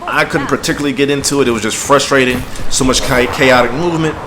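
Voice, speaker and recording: A man's voice: medium pitch, fairly even intonation, quick pace. A man giving casual, conversational gameplay commentary in an informal, slangy, rambling way, as a gaming video creator. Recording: very noisy home recording with clicks.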